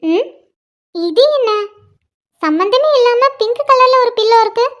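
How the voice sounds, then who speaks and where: A woman's voice: very high voice, lively intonation, measured pace, highs cut off. A woman voicing a fretful young woman who talks to herself in a cartoon.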